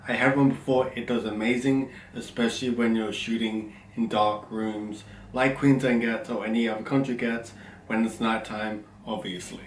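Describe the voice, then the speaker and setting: A man with a slight stutter, giving tips in an instructional vlog from a room at home, speaking loudly and deliberately. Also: fairly low pitch, fairly even intonation, distant mic, slight background noise. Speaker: content creator giving tips. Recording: roomy, mic set back, faint ambience.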